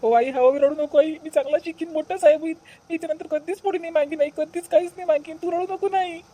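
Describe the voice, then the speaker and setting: A woman voicing a small boy who pleads softly with his mother. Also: sits high, steady tone, fast talker, close to an everyday voice. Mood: pleading. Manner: soft, pleading.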